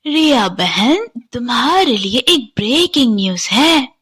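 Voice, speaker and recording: A woman voicing a nosy, chatty young daughter-in-law who gossips in an animated story. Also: fairly high pitch, takes it slowly, breathy edge, heavily acted.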